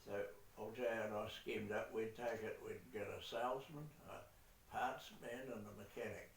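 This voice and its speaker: A man's voice: on the low side, fairly even intonation, moderate pace. An older man with a New Zealand accent telling rambling family stories in a salty, casual way, sprinkling in mild swearing. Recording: echoey room, far from the mic, faint noise.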